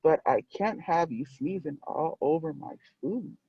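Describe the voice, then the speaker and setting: Man reading as a bossy crab boss, husky. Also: fairly high pitch, animated, a little slow, mellow, dry recording, muffled recording, heavily acted. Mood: firm.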